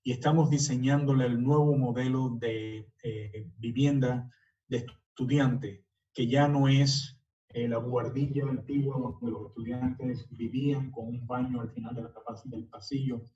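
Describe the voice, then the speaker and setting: Man in his sixties, born in Cuba, presenting slides in a hesitant way; warm tone, muffled far-off audio. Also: medium pitch, steady tone, a little slow. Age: 60s. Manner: hesitant, many filler sounds. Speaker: architect giving a talk.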